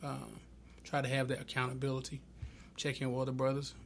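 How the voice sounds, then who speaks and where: Man, colloquial conversational delivery, mid pitch, faint background noise. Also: monotone, a little fast, gravelly, fairly bright tone. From small town in Georgia, US. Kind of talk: casual group discussion.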